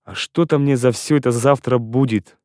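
A man's voice: medium pitch, steady tone, normal speed, darkish tone, dry recording, studio quality, lightly acted. A man reading aloud, voicing a frightened, fawning young clerk. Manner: fearful, fawning.

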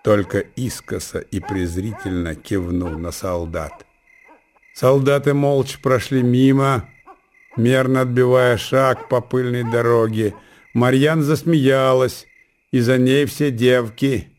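A man narrating classic prose in a measured storytelling manner. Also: mid-range voice, steady tone. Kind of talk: audiobook reading of classic prose.

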